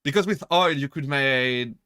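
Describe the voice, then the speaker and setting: A man's voice: medium pitch, normal speed, pushed and bright, smooth, no room sound, studio quality. A man streaming as a VTuber, chatting casually, rambling, correcting himself and laughing often as he answers chat.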